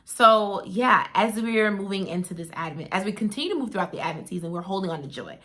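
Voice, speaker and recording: A woman with a bright, forward voice at an average pitch chats casually as a show co-host. She tells stories with emphasis and folksy asides to the listener. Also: animated, fast talker. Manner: emphatic storytelling with folksy asides like "honey" and "baby". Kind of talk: casual chat.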